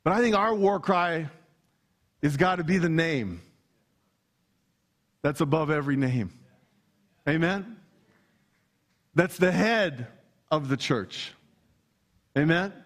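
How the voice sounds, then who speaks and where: A man with a Canadian accent preaching a lively sermon in a church hall, playful and energetic as he talks straight to the congregation. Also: fairly high pitch, slow pace, long pauses. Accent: Canadian English. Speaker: pastor.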